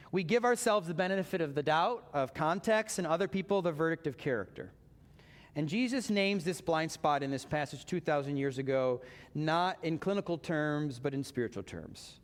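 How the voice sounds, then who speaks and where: A man preaching a sermon as pastor, talking in a conversational way and joking with his congregation. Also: fairly high pitch. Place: church sanctuary. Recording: long church reverb.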